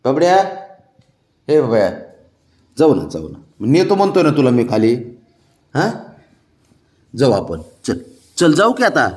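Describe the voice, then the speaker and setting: A man's voice: medium pitch, very animated, a little slow, long pauses, warm tone, roomy sound. A man who coaxes his sulking pet in affectionate baby talk, with chuckles between lines. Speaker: pet owner coaxing his cat. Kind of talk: casual pet vlog talk.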